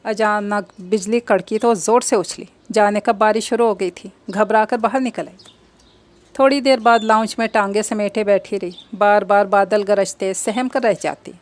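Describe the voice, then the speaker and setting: A woman narrating a romantic novel as an audiobook, steady and gentle. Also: mid-range voice, moderate pace.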